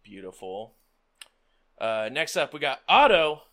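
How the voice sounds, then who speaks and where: A man's voice: mid-range voice, sing-song, measured pace, fairly bright tone. A man hosting a tabletop roleplaying game as game master, addressing players and audience.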